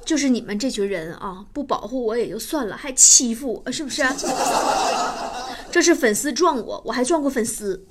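Woman, stand-up storytelling, teasing and self-mocking, high voice, background noise. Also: expressive, moderate pace. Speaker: stand-up comedian.

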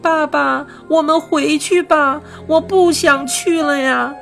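A woman voicing a frightened, whiny young girl in a storybook reading, with a high pleading tone. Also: steady tone, takes it slowly, creaky, faint music behind, heavily acted. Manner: pleading, high childlike whine.

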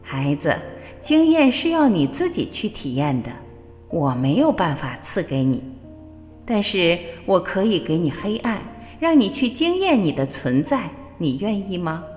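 A woman voicing the gentle, wise mother of light speaking tenderly to her child in a storybook tale. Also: fairly low pitch, big pitch swings, measured pace, in a large hall, faint music behind.

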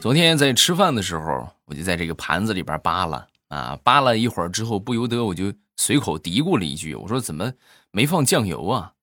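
Low-voiced man telling jokes, lively delivery. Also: fast talker, few pauses, no room sound, faint music behind. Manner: chatty, storytelling with frequent "啊" tags. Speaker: comic storyteller.

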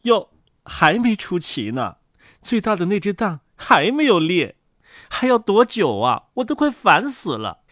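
A tired mother duck grumbles on her nest in a low, sagging voice, as a woman puts her on. She sounds worn out and complaining, close and dry like a storybook reading. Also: sing-song, measured pace, a bit bright, no room sound. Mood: weary, grumbling.

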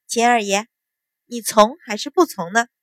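A woman's voice: on the high side, moderate pace, dry recording, clean studio sound, lightly acted. A woman doing a teasing, mischievous young maid. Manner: teasing, eager.

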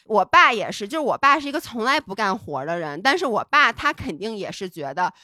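A woman's voice: medium pitch, sing-song, brisk, pushed and bright, no room sound, studio quality. A woman co-hosting a podcast, telling a personal story in a candid, rambling, heartfelt way. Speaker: podcast co-host.

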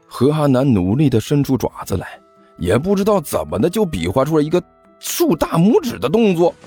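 Playful man narrating a comic audiobook; very animated pitch, music bed. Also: fairly quick, husky.

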